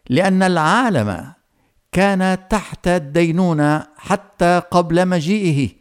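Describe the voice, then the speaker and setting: A man preaching a sermon, speaking earnestly and slowly, addressing the listeners directly with questions. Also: on the high side, smooth.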